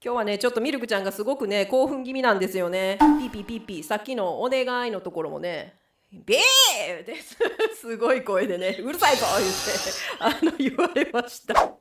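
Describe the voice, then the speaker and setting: A woman with a Kansai accent hosts a live stream and talks in a chatty, rambling way. Her pitch swings up and down a lot at a middle height. Her voice carries a roomy echo. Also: lively intonation, quick pace, slight background noise. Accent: Kansai Japanese. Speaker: host and musical singer.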